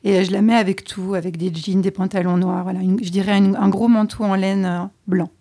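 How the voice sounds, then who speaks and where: A chatty woman answering interview questions with a mellow, warm tone. She talks candidly and hesitates now and then as she thinks. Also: medium pitch, little pitch movement, a little fast. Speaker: podcast co-host being interviewed.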